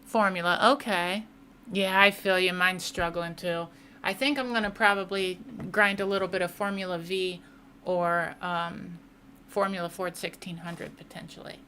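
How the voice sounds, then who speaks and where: A woman's voice: fairly low pitch, steady tone, moderate pace, pushed and bright, a little hiss or hum. A young woman live-streaming a racing game, chatting casually and answering viewers between laps. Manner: chatty, reads and answers chat mid-race.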